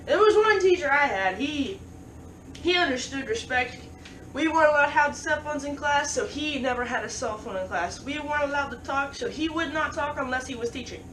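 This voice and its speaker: A woman vlogging casual advice, talking fast with stutters and restarts, often joking and laughing at her own lines. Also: high voice, expressive, fairly bright tone, distant mic. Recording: roomy, off-mic, faint background noise.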